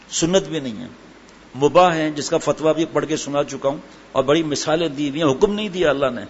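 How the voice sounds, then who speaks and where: A middle-aged man giving a sermon and telling a humorous story, acting out the voices of the people in it. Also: fairly high pitch. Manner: storytelling, acts out quoted voices. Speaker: Islamic preacher. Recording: dull lo-fi with faint hiss.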